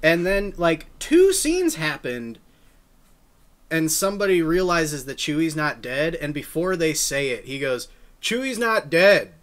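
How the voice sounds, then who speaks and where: A man's voice: fairly high pitch, sing-song, unhurried. A man co-hosting a podcast, recounting a story casually with frequent chuckles. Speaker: podcast co-host. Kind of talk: casual chat.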